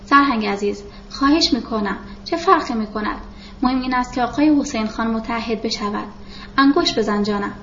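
A woman's voice: a little high, a bit bright, slight background noise, natural voice. A woman reading as a conciliatory foreign factory owner. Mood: pleading. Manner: pleading, smoothing things over. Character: polite foreign male workshop owner, conciliatory. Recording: roomy, dull lo-fi recording.

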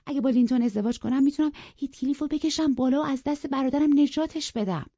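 A woman's voice: high voice, warm tone, no room sound, voice pushed up. A woman voicing a passionate, headstrong young woman in love, talking in an impassioned, pleading and defiant way. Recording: dry, dull lo-fi recording.

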